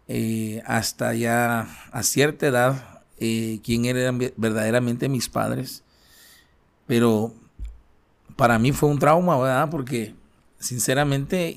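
A man with a Central American Spanish accent tells his own story as an interview guest. He speaks in a halting way, leaning on fillers and repeated tag questions at a medium pitch. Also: vocal fry. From Guatemala, raised in El Salvador. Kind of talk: personal testimony in an interview.

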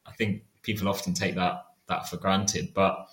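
A man in his late twenties talks casually as a guest on a podcast. His voice is fairly low, and the recording is clearly roomy and echoey. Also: little pitch movement, moderate pace, fairly bright tone. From Cornwall, England. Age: late 20s. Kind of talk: casual conversation.

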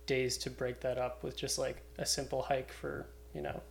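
A man's voice: mid-range voice, little pitch movement, moderate pace, gravelly, a little hiss or hum. Young guy just chatting, loose and informal, like a podcast guest. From Cape Breton, Canada. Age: young adult. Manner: loose, informal, swears casually. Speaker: podcast guest, climbing route setter. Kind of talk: casual chat.

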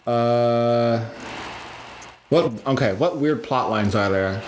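A man in casual podcast chat who rambles and piles on fillers, then bursts with excitement. His voice sits at a middle pitch. A faint hiss of noise stays under him.

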